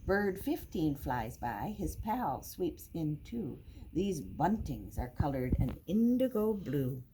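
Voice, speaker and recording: Taking it slowly, an older woman uses a low, sing-song voice to read a picture book to young kids the way a teacher would, counting along and giving simple explanations. The setting is an indoor classroom with wooden furniture; the audio is noisy and clicky.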